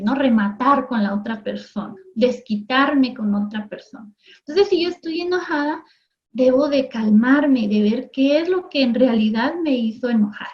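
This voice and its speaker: Woman teacher, TV lesson, chatty check-ins, slightly high voice, dull lo-fi audio. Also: darkish tone. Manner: conversational, often checks in with "¿sí?" and "¿no?"; acts out everyday voices in quick asides. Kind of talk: recorded classroom lesson for TV.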